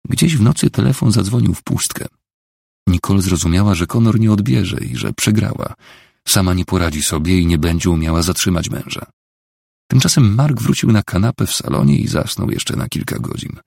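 A male audiobook narrator reading a novel in a steady, measured way. His voice is low, gravelly and very husky. The recording is close and dry. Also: dry recording.

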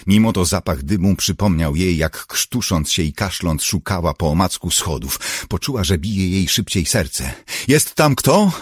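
A man with a very low, husky voice narrating an audiobook in a measured, steady storytelling manner. The sound is dry and close, with no room echo. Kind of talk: scripted narration.

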